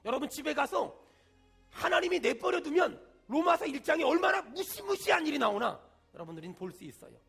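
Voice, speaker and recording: A man, a senior pastor, preaching a sermon with emphatic call-and-response and shouted peaks. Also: very high-pitched, very animated, a little fast, gravelly, soft background music.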